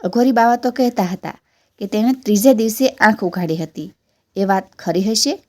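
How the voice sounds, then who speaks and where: Soft-voiced woman reading a story aloud. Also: mid-range voice, normal speed. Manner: reads a first-person boy's adventure aloud, voicing the sadhus' threats plainly. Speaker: audiobook reader. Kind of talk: storybook narration.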